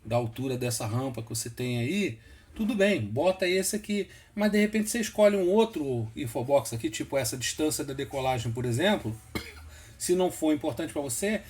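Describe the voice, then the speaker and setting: A man's voice: fairly high pitch, animated, moderate pace, a little mellow. A man giving a casual screen-share tutorial, patient and repetitive, often checking in with the listener. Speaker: instructor explaining flight instruments.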